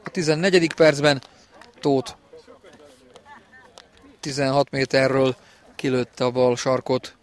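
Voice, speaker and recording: A man giving excited live football commentary as a partisan match commentator. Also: mid-range voice, pauses often. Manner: excited, builds to shouted goal calls, partisan for the home team.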